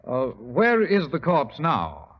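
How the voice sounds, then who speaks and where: An actor playing a fussy, bluff, good-hearted middle-aged English doctor with a British accent, blustering through an old radio mystery. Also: male voice, fairly high pitch, huge pitch swings, slow pace, heavily acted. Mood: flustered. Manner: blustery, exclamatory. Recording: muffled, noisy 1940s radio recording.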